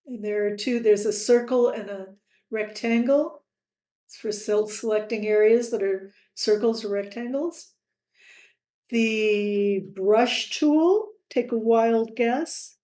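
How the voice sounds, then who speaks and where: Woman software tutor, unhurried, slightly high voice, echoey room on a desk mic. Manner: slow, friendly quiz-style asides. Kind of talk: screen-recorded tutorial.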